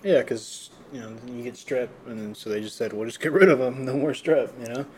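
A young man in casual chat, telling a long story with lots of fillers and restarts, and a slightly rough voice that he often clears. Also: medium pitch, brisk, darkish tone, a little hiss or hum. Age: young adult. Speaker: podcast co-host.

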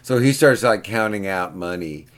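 A man's voice: on the low side, moderate pace, fairly bright tone. A man who repairs pinball machines tells a chatty, rambling story in a casual vlog, often tagging lines with "right?".

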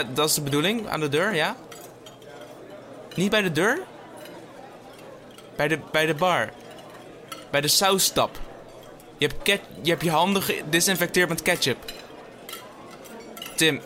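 A man's voice: on the high side, bright, forceful tone. A tired man hosting a comedic solo podcast, rambling with stammered restarts and frequent swearing, into a podcast microphone. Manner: rambling, self-interrupting, swears often. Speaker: podcast host.

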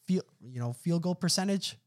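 A man's voice: fairly high pitch, lively intonation, moderate pace, a little mellow. Laid-back young man, sports podcast. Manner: laid-back, frequent "mm-hmm" and "bro". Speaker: podcast co-host. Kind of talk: casual sports chat.

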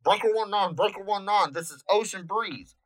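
A man's voice: high voice, moderate pace, pitched above the performer's own voice, poor audio. A man doing a trucker calling on CB radio. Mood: urgent. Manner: raised, urgent calling on the CB.

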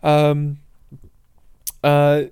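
A man co-hosting a casual sports discussion, halting as he thinks aloud. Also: fairly high pitch, completely flat delivery, darkish tone, smooth. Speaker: sports podcast co-host.

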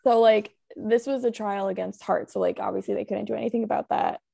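A woman's voice: mid-range voice, fairly even intonation, brisk, gravelly, dark tone, husky. A young woman podcast host telling a true-crime case in a chatty, casual way, full of "like" and "um". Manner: chatty, full of "like" and "um", laughs often.

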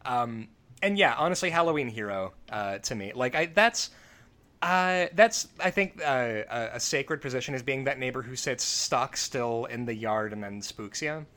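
A man's voice: medium pitch, animated, moderate pace, bright, forceful tone. A man co-hosting a podcast who tells rambling stories in casual chat, full of fillers and restarts. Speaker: podcast co-host.

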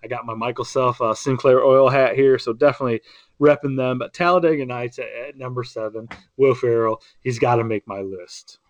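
A man's voice: mid-range voice, brisk, dry recording. Rambling casual podcast man, dry sound. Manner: rambling, lots of restarts and fillers. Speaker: podcast co-host. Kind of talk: casual chat.

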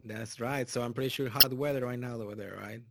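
This board game podcast host from Mexico speaks with a Mexican Spanish accent in a mid-range, steady voice with vocal fry. He rambles through casual chat with fillers and restarts, drawing out his intro loudly. The recording is very noisy.

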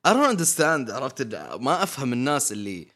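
A man's voice: mid-range voice, very animated, a little fast, sharp tone. Young Gulf man mixing Arabic and English. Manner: mixes Arabic and English mid-sentence. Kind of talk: casual podcast chat.

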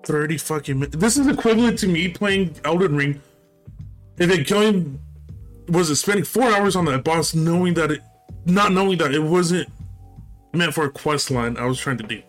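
A man's voice: fairly high pitch, animated, moderate pace, faint music behind. A young man co-hosting a podcast in casual chat, rambling and hesitant, with frequent swearing. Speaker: podcast co-host.

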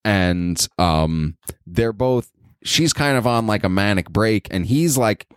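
Man, low voice, dry close mic, rambling movie-podcast co-host. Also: expressive, slow pace, smooth, no echo. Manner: rambling, filler-heavy, acts out lines. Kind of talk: casual movie discussion.

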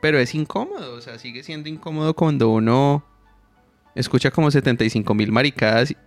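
A man's voice: mid-range voice, brisk, dry recording, faint music behind. A man, co-hosting a podcast and speaking frankly in crude, joking slang. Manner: frank, crude, swearing, teasing. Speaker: podcast co-host, interpreter. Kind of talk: casual podcast chat.

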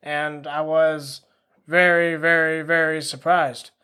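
A man's voice: on the high side, little pitch movement, slow, pushed and bright, clear, resonant tone. A man hosting his own podcast, talking casually in a rambling, frank and self-deprecating way into a home microphone. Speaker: podcast host. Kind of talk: casual solo podcast monologue.

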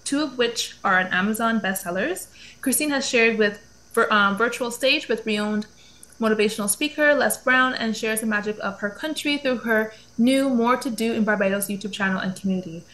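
Woman, co-host, higher voice, hesitant, lots of ums, reading an intro. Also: fairly bright tone. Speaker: social media manager and co-host.

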